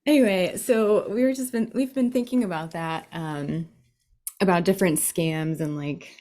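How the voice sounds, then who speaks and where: A woman's voice: on the low side, moderate pace, mellow. A woman co-hosting a podcast in casual chat, talking in a rambling way with many likes. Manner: conversational, rambling with 'like' fillers. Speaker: co-host, financial advisor.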